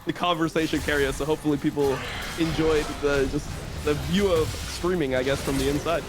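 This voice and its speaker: A man hosting a casual podcast, relaxed and full of fillers as he wraps up. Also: on the high side, fairly quick, over loud music. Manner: relaxed, filler-heavy, wrapping up. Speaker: podcast host.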